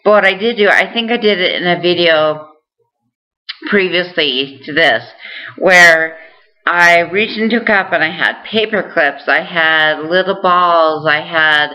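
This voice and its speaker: Slow, low-voiced woman on a muffled recording. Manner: earnest and encouraging toward viewers. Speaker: vlogger sharing recovery tips. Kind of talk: casual direct-to-camera talk.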